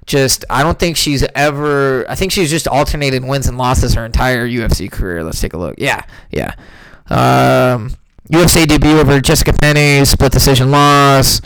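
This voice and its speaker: A man's voice: mid-range voice, normal speed, creaky, a bit bright, clear, resonant tone, no room sound, poor audio. Rambling man breaking down fights. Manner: rambling, many fillers and self-corrections. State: hiccups. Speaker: MMA podcast host.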